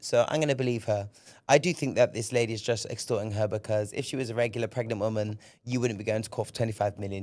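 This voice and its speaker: Man, podcast host, casual commentary, candid, swears freely, mid-pitched, dry close sound. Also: dry recording. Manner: candid, animated, swears freely, repeats words when excited.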